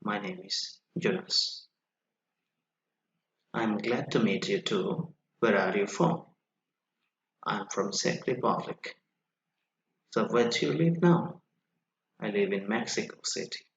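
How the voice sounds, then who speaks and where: Low-voiced man teaching an online grammar class. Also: dull audio, slight background noise. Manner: slow, explanatory, reads example sentences aloud. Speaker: English teacher.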